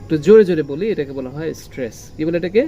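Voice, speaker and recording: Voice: medium pitch, lively intonation, racing, lo-fi sound, slight background noise. A teacher, giving a lesson to children. The teacher asks questions, answers them, and repeats key words with heavy stress. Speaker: English teacher.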